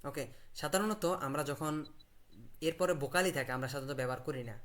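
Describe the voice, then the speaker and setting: A man's voice: fairly high pitch, normal speed, a bit bright. A man teaching a language class, patiently drilling pronunciation and quizzing his students.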